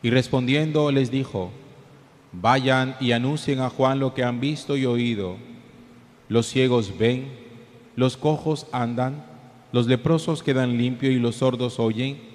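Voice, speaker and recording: A man, a priest, reading the Gospel and preaching a homily at Mass in a measured, deliberate way, his voice ringing with a long cathedral-like reverb. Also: medium pitch, a little mellow. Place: large church. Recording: long church hall reverb.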